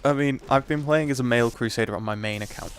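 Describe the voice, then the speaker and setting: A man's voice: medium pitch, quick pace, a loud crowd. A man giving casual commentary as he plays a video game. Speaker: let's play commentator.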